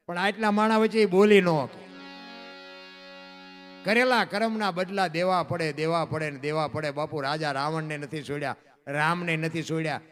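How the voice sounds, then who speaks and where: Animated man telling a folk tale. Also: high voice. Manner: animated, rises and falls sharply between lines. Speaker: dayro storyteller. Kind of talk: devotional folk storytelling.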